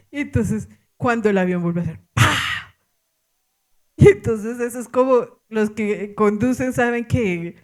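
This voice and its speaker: A middle-aged woman pastor with a Colombian accent, telling a story in a sermon, animated and laughing with exclamations. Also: on the high side, measured pace.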